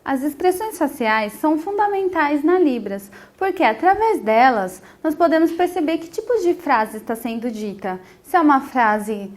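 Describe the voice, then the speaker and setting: High-voiced woman teaching a class. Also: very animated, moderate pace, hardly any pauses. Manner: patient, explanatory, with frequent 'é' fillers. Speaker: sign language teacher. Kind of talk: spoken lesson explanation.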